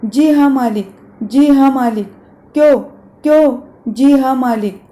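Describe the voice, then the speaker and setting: A woman's voice: on the high side, steady tone, takes it slowly, dark tone. A woman voicing a stern, stingy male house master who scolds and counts off deductions, in an echoey room. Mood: angry.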